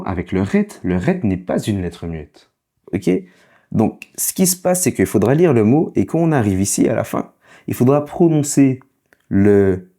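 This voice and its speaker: A man's voice: fairly low pitch, warm tone. A man teaching how to read Biblical Hebrew in a casual online lesson. He is patient and keeps checking in with "ok?".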